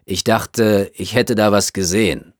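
A man voicing a tipsy, muddled elderly lady at a dinner party, speaking slowly and blurting things out. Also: fairly low pitch, steady tone, no echo, clean studio sound, voice pushed down, lightly acted.

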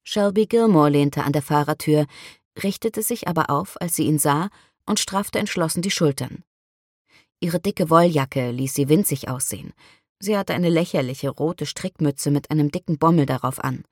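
A woman reading a romance novel aloud as an audiobook narrator, calm and even. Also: low-pitched, moderate pace, no room sound, clean studio sound. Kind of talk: scripted narration.

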